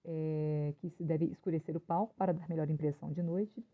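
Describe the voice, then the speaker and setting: Woman teacher, low voice, explaining a script, tag questions, phone-like sound. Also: fairly even intonation, brisk. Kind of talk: reading a play aloud for a class. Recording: tinny phone-like audio.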